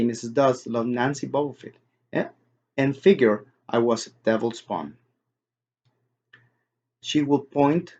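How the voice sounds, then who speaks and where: A man's voice: mid-range voice, darkish tone. Man reading a novel aloud at home, plain delivery with some stumbles, dull lo-fi recording. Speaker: amateur audiobook reader.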